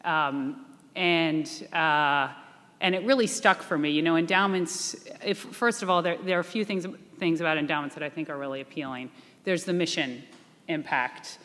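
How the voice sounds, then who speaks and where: A woman's voice: sits low, a bit bright. A woman answering as a panelist, poised and upbeat with some restarts. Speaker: chief investment officer. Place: reunion event hall. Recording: echoey hall.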